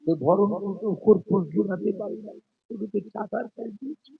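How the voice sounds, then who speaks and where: Man voicing a softly pleading poor widowed mother. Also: high voice, steady tone, fast, creaky, slightly rough, narrow, tinny audio, exaggerated voice. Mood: tender. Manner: pleading, soft-spoken.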